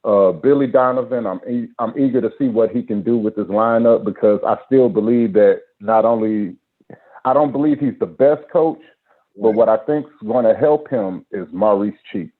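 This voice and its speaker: Lower-pitched man over voice chat. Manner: earnest, halting, with many restarts. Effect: heard over a group voice chat line. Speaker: guest in a group chat. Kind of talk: casual chat. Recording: tinny phone-like voice chat audio.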